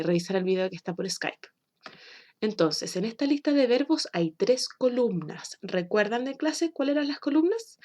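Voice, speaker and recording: Patient woman teaching English. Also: medium pitch. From Chile. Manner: slow, clear, patient explaining with drawn-out example words. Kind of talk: recorded online lesson for children.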